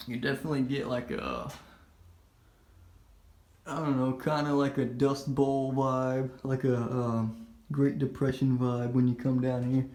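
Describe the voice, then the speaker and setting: A man's voice: medium pitch, vocal fry, a little mellow. A man giving a casual, rambling walkthrough with many fillers, his voice echoing around a damp underground concrete bomb shelter. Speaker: vlogger. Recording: echoey concrete room, faint noise.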